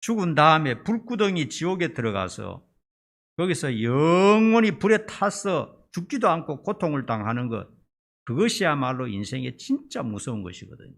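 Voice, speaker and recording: Brief: middle-aged pastor, lively storyteller, gravelly voice that swings up and down. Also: male voice, on the high side, moderate pace. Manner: dramatic storytelling, acting out scenes. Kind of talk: sermon.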